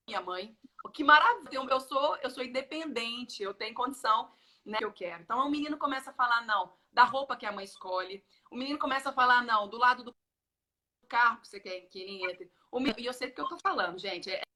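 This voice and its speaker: A woman in casual conversation, explaining child feeding to parents and acting out what children and parents say. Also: a little high. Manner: expressive, acts out the child's and parents' words.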